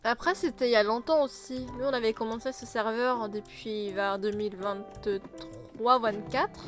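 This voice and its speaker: A woman's voice: on the high side, steady tone, normal speed, over music. A woman chatting casually while playing a video game, teasing her sister and laughing often. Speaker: let's play gamer. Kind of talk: casual gaming chat.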